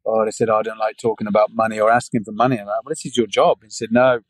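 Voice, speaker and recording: Talking very fast in a low, flat voice, this podcast guest, a British man in his forties, rambles through a casual interview. He restarts often and leans on "yeah" and "you know." The recording is poor but has no echo.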